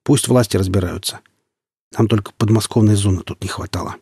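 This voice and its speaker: A shrewd, steady scavenger leader, as a man reads him, talks low in a husky, mellow voice. He keeps his warnings matter-of-fact and low-key. The sound is close and dry. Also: fairly quick, no room sound. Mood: calm, knowing.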